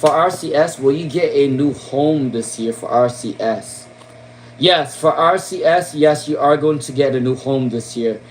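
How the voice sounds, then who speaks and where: Speaking unhurriedly at medium pitch, a Long Island-accented tarot reader gives a laid-back live-stream reading, with faint hiss or hum in the audio. He rambles chattily with many "ums," repeats names and questions, and ends his points with "okay?" and "all right?"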